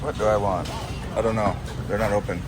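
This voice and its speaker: A man's voice: fairly low pitch, fairly even intonation, brisk. A man vlogging casually as he walks and talks, thinking aloud outdoors on busy streets and at markets. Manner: walking and talking, thinking aloud. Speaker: travel vlogger. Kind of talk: walking and talking vlog, casual. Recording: noisy outdoor street with traffic. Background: loud traffic and street ambience.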